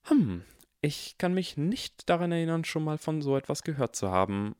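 A man's voice: fairly high pitch, sing-song, a little mellow, clear, resonant tone, dry recording, studio quality, pitched above the performer's own voice. A man voicing a stern, formal older female witch professor in an audiobook reading. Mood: hesitant. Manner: formal, measured, hesitant at times.

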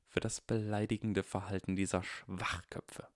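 A haughty young wizard boy with clipped, sneering lines, put on by a male reader. The voice sits low and close, with no room sound at all. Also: level tone, a little slow, no echo.

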